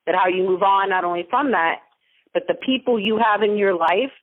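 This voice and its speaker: In a phone-line interview with tinny audio and no echo, a woman mentor and founder appears as a guest. Her mid-range voice moves at a moderate pace, delivering emphatic, motivational lines built on repeated phrases.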